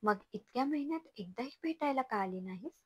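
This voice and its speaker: Storybook part: woman voicing a heartbroken young man, quiet and breathy. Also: fairly high pitch, lively intonation, a little fast, dry recording, highs cut off, voice pushed up. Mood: sad. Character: tearful, lovesick young man on the phone.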